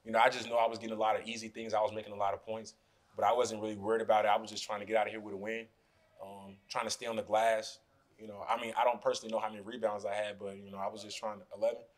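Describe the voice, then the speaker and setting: Racing through his answers in a fairly low voice, a young man in his twenties, a basketball player, speaks at a postgame press conference. The podium mics sit in front of him in a press room with a sponsor backdrop, and his relaxed, loose talk is full of "you know"s.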